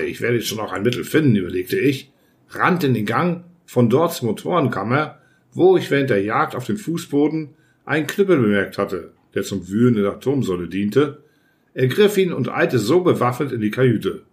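A man narrating an audiobook in the first person, telling the story with lively acted shouts. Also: mid-range voice, normal speed.

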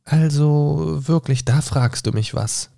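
A man's voice: fairly high pitch, takes it slowly, vocal fry, dark tone, no echo, clean studio sound, voice pushed up. A man voicing a polite, curious young girl who is easily indignant, in a raised, slightly prim voice.

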